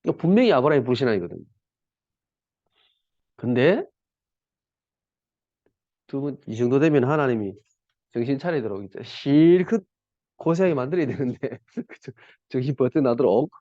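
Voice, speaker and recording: A man's voice: mid-range voice, very animated, moderate pace, pauses often, warm tone, no echo. A male pastor preaching a sermon in a conversational, colloquial way, often asking the congregation rhetorical questions. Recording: dull lo-fi, dry.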